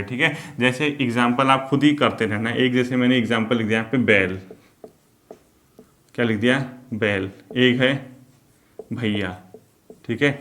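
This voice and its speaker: A man teaching Hindi grammar for exams, who keeps saying "ठीक है", poses questions and answers them himself, and slows down to spell out vowel sounds. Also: mid-range voice, a bit bright. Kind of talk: exam-prep lesson at a board.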